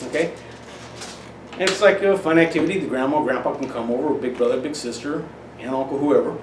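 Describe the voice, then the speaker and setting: This middle-aged man speaks fairly quickly in a mid-range voice, walking parents through folksy, informal tips for teaching kids numbers and often beginning his phrases again. The recording carries a roomy echo, distant mic placement, and slight hiss.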